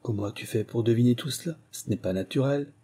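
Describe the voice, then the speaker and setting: A man's voice: mid-range voice, fast, mellow, husky, natural voice. A man playing a huffy young brother. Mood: baffled. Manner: huffy, indignant. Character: grumpy young man, impatient older brother type.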